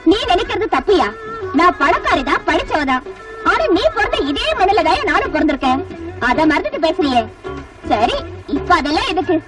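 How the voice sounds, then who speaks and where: A woman's voice: very high voice, big pitch swings, normal speed. An actress playing a rich, educated young woman who speaks boldly and forthrightly. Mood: teasing. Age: young adult. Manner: teasing, forthright. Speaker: heroine. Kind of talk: Tamil film dialogue. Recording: distant film soundtrack with music.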